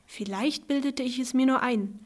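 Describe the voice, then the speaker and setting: A woman reading a children's story aloud in a calm, measured way. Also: sits high.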